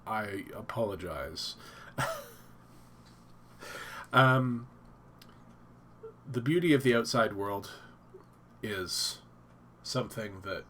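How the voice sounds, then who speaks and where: A man's voice: fairly low pitch, lively intonation, very slow, pauses often, sharp tone, a little hiss or hum. A man hosting a casual live stream from his home office, stuffed up and thinking aloud with many fillers and restarts.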